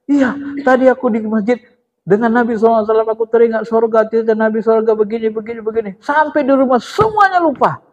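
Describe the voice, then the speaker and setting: A man's voice: very high voice, quick pace, voice pushed up. A man preaching takes the voice of a distressed man who calls himself a hypocrite. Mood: agitated. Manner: agitated and self-accusing. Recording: echoey hall, dull lo-fi sound.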